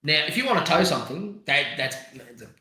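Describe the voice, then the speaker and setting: A man's voice: fairly high pitch, expressive, fast, sharp tone, roomy sound. A young Australian man co-hosting a podcast, chatting casually with sweary, laughing, rambling banter. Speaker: podcast co-host. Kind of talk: casual chat.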